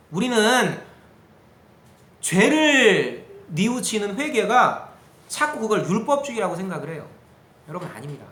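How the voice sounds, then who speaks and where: A man's voice: high-pitched, echoey room. A man preaching a sermon to a youth group as their pastor, asking the listeners questions and acting out quotes. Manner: animated, asks the group questions, acts out quotes.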